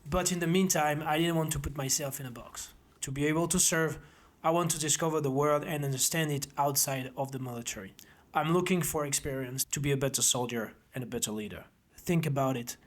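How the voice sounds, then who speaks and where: A man, founder of a self-defense academy and former army officer, earnestly telling his own story to camera. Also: a little high. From Belgium. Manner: earnest, steady, measured delivery. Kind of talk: presenting to camera, personal story.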